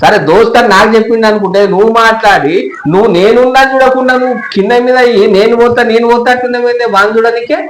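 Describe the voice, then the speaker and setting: A man's voice: very high voice, steady tone, very fast, echoey room, a little hiss or hum, low-quality recording. A man playing a jealous husband in a comedy skit, accusing and quarrelsome. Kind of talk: Telangana Telugu comedy skit acting.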